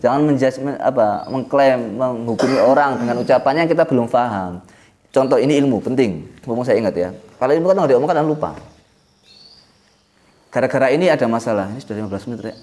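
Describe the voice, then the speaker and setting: A man's voice: mid-range voice, quick pace, a little mellow. A man teaching at an Islamic study session, mixing Arabic recitation with joking explanation. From Indonesia. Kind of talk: religious study lecture.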